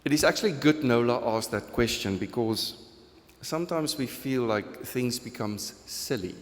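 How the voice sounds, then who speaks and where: Speaking at a moderate pace with a medium-pitched, animated voice, a South African man with a matching accent preaches in a church sanctuary. His sermon is earnest and conversational, he chuckles at his own jokes, and he fields questions from the congregation while long church reverb rings around him.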